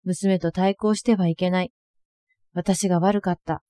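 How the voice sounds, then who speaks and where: An older woman reading her own first-person account aloud, in a steady, earnest storytelling manner. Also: on the low side, a little slow. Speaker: narrator of a personal testimony.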